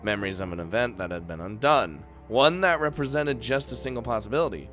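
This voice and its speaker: A man's voice: mid-range voice, a little fast, soft background music. A man playing a story game, reading its narration aloud and reacting with jokes and laughter. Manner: animated, laughs often, reacts loudly and jokes. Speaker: game streamer. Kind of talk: let's play, reading game text aloud with commentary.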